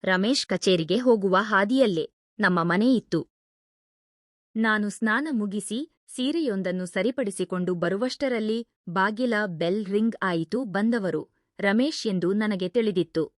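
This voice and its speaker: A woman's voice: medium pitch, measured pace, no room sound. Woman reading a story, dry close sound. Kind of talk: scripted first-person story narration.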